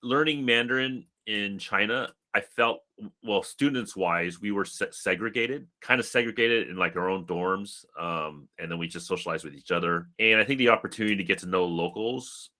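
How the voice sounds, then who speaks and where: A middle-aged man hosting a relaxed, casual interview, asking questions and laughing easily. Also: sits low, moderate pace. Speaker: interviewer, channel host.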